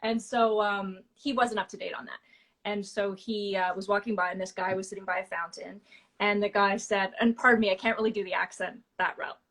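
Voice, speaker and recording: A woman from Toronto, a guest in a relaxed interview, with a mid-range voice. She tells a long story in a loose, rambling way, full of fillers, restarts and quick laughs. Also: medium pitch. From Toronto, Canada.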